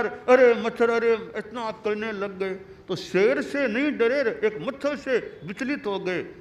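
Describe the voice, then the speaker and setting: A man doing a young disciple, eager and high-pitched. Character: young male disciple, fearful then amused. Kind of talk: sermon storytelling.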